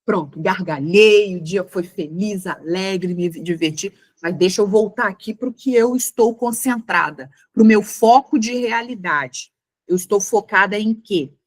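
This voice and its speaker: A woman's voice: medium pitch, unhurried, dry recording. A middle-aged Brazilian woman giving an earnest motivational talk to a women's community, acting out little scenes in quoted voices. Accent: Brazilian Portuguese. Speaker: mentor speaking to a women's community.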